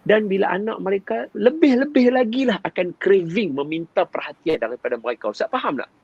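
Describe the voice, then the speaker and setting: A man, telling a story in an animated way and often turning to address his listener directly. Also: high-pitched, a little fast, slightly rough, dry recording, highs cut off. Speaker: guest father sharing parenting experience. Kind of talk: storytelling in conversation.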